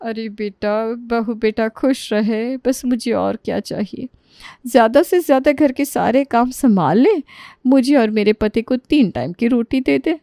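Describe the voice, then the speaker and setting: A woman voicing a calm, soft-spoken middle-aged mother of a groom in a cartoon story. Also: a little high, unhurried, dry recording, clean studio sound.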